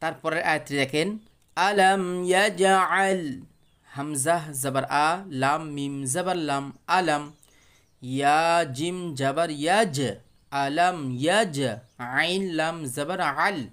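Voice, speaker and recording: A man's voice: a little high, slow pace, fairly bright tone, clear, resonant tone. A man teaching Quran reading in Bengali, spelling out each syllable and then chanting the verse in a raised voice. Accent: Bangladeshi Bengali. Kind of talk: spelling-out recitation lesson.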